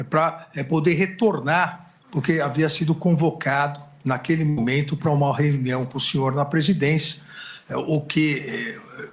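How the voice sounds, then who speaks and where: A man with a Brazilian Portuguese accent questioning a defendant in court, speaking formally and halting often with filler hesitations. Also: on the high side.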